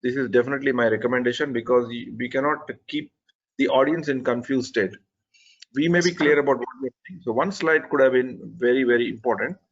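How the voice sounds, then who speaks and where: A man's voice: mid-range voice, fast talker, muffled recording. A man giving earnest, methodical spoken feedback on an online presentation, often restarting his sentences. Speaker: presentation evaluator.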